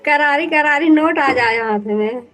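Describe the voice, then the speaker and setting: A woman with a high voice talks slowly and playfully on a live stream. She teases the others and breaks into frequent laughter. She speaks through an earphone mic. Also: a bit bright, rough recording. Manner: laughs often, teasing and chatty. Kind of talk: casual chat on a live stream.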